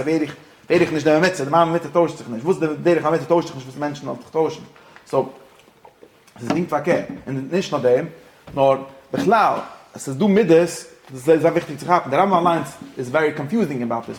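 A man teaching a religious-philosophy lesson, talking rapidly and repeating himself, dropping English phrases into his explanations. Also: a little high. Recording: echoey room.

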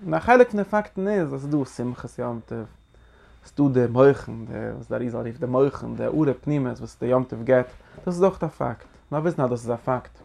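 Man with a gravelly voice, a religious teacher giving an emphatic holiday talk full of Hebrew terms. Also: medium pitch, normal speed, warm tone. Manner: earnest and emphatic, repeating key phrases. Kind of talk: Passover guidance talk.

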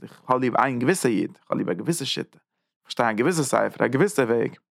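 A man teaching a religious class in a lively way, repeating phrases, asking rhetorical questions and jumping up in pitch to stress points. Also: fast talker, creaky, dry recording, studio quality. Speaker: Torah teacher giving a class.

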